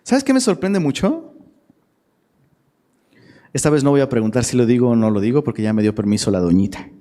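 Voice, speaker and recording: A man's voice: medium pitch, animated, brisk, warm tone. A man preaching a casual sermon to a live audience as a youth pastor, slangy and chatty, often asking the crowd questions. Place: church hall. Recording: long hall reverb.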